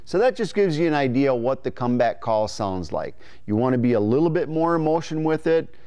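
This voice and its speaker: A man in his forties presents an instructional video in a clean, smooth voice at a medium pitch. He explains things step by step in an informal, folksy way, like a practical instructor talking straight to the learner. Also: animated, a little fast, dark tone. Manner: folksy, informal, imitating call syllables as he explains. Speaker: duck calling instructor. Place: indoor studio in front of a green-screen backdrop. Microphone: lapel mic.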